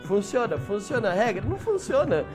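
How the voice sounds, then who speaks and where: A man's voice: sits high, very animated, brisk. A young man chatting casually and joking with friends. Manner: joking banter with slang. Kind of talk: casual chat. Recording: faint music underneath. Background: faint background music.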